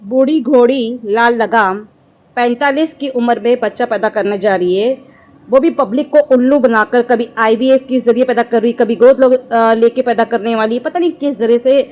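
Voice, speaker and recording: High-voiced woman in a scolding rant. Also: normal speed, darkish tone. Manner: scolding, insulting, mocking rant. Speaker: vlogger commentator. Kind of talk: angry reaction commentary.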